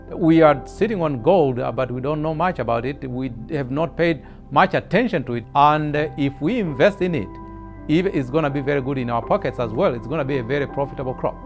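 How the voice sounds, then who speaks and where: A Tanzanian man with a Tanzanian accent speaks in a slightly high voice while faint music runs under him. He answers interview questions enthusiastically and often repeats words as he restarts. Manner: frequent restarts, lively and enthusiastic. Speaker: interviewed expert.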